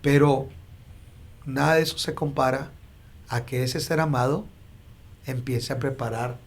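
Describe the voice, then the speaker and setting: A man, a pastor hosting a podcast who asks thoughtful, gentle questions. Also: medium pitch, fairly even intonation, a little slow. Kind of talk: interview.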